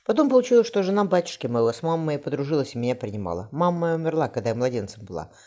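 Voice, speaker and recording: A man reading the lines of a gentle young woman who comforts and consoles, in a soft voice. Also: a little high, very animated, rapid-fire, voice pushed up. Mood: consoling. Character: gentle young woman midwife, tender and steady.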